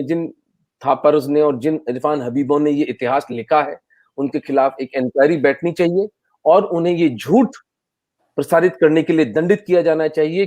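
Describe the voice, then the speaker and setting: Indignant man, high-pitched. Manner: forceful, indignant, switches into English phrases. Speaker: guest historian. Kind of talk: impassioned interview answer.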